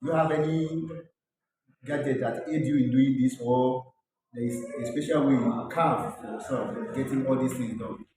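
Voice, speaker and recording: Formal interviewer in an echoey hall. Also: male voice, mid-range voice, steady tone, moderate pace. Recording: echoey room, distant mic, crowd noise.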